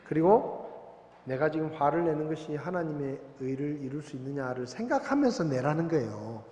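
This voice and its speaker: A man's voice: a little high, a little mellow. A man preaching a sermon in a church, emphatic and putting questions to his congregation. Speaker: pastor. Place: church sanctuary. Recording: echoey dull church recording.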